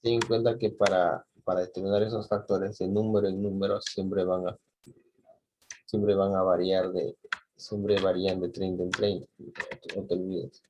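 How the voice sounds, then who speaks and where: A man's voice: deep voice, flat delivery, moderate pace, darkish tone, slight background noise, low-quality recording. A man teaching a math lesson, patiently walking students through a clock-angle problem and often checking that they follow. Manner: patient, asks "¿sí?" and "¿de acuerdo?" often, restarts phrases.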